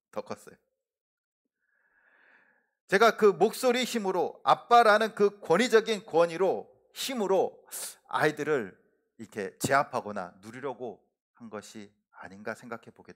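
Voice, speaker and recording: A middle-aged pastor with a fairly high voice delivers an earnest sermon in a church sanctuary. He drives his points home forcefully, then lets each sentence trail off softly at the end.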